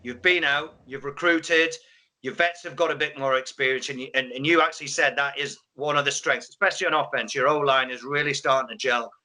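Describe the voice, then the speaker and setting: At a football final, a man interviews coaches on a sports live stream, chatty and prone to restarting his questions. His mid-range voice is brisk, pushed, and bright, with fairly even intonation.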